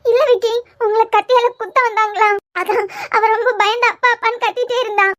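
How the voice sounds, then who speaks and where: A woman voicing a tearful, frightened young mother in a cartoon series, with a Kanyakumari Tamil accent and a squeaky, pleading voice. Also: steady tone, brisk, fairly bright tone. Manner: pleading, anxious. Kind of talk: cartoon web series voice acting.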